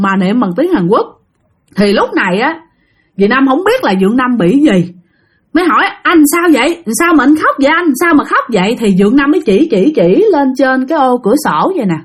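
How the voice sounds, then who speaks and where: A woman storyteller recounts a ghost story, speaking straight to her listeners and acting out knocking sounds. Her voice sits a bit high and moves in lively swings. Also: husky. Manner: animated, addresses listeners directly, imitates knocking sounds.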